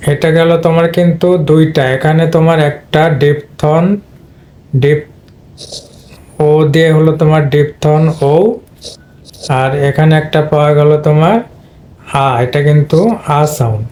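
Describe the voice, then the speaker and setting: A man's voice: on the high side, fairly even intonation, a little slow, long pauses, dark tone. A man teaching English pronunciation in an explanatory lesson, repeating points and talking straight to his students. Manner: repeats and addresses students directly.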